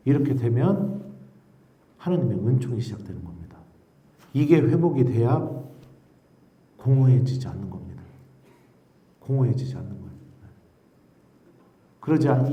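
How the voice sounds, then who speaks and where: Middle-aged priest preaching in a roomy hall. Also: male voice, mid-range voice, recorded from a distance. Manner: animated storyteller, acts out shouted quotes. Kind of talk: sermon with a personal story. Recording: roomy echo, voice from off the mic.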